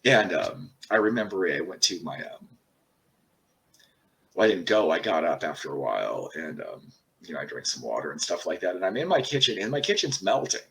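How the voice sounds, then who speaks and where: A man with a fairly low voice, talking off the cuff in a loose, halting way and cursing freely. He sits a little back from the microphone, so he sounds slightly distant. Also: big pitch swings, gravelly, fairly bright tone. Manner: profane, rambling, halting with many fillers. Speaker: channel host. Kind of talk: casual personal storytelling.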